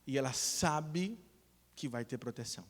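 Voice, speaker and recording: A man preaching a sermon as pastor, earnest, telling stories and retelling conversations, building to loud emphasis. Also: medium pitch, animated, unhurried, long reverb tail.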